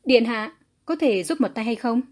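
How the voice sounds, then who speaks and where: Cool young healer, read by a woman: curt and cold, mellow husky tone. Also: fairly high pitch, lively intonation, moderate pace. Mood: polite. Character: cool, self-assured young female healer.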